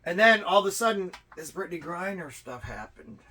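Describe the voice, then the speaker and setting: Running through wrestling rankings in a casual chat, this host jokes, rambles, and stumbles into restarts. He speaks a little fast in an expressive, high-pitched voice, with a crowd and clear room noise audible behind him.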